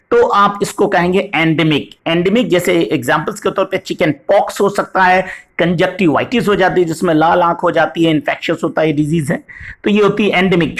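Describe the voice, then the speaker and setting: Man teaching vocabulary. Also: high-pitched. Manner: explains patiently, slows down when reading English examples; addresses viewers as "sahab", frequent "right?". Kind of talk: video vocabulary lesson.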